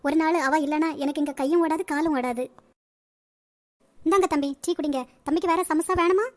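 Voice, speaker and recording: Woman playing a sweet cartoon mom, high voice, quick and gentle. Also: lightly acted. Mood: caring. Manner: gentle, motherly. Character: kind caring middle-aged mother, gentle.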